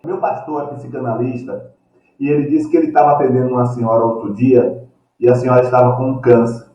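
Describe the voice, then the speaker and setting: A man's voice: mid-range voice, fairly even intonation, fairly quick, mellow. A man preaching a live sermon, telling the story with animation, acting out voices and chuckling. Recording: echoey room, distant dull mic.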